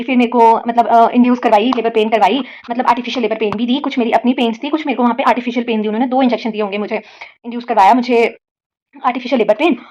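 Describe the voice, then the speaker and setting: A woman's voice: a little high, darkish tone. A young woman vlogging a personal story in Hindi-English mix, rambling with fillers and emotional retellings. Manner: rambling, heavy use of fillers; emotional, retelling quoted pleas.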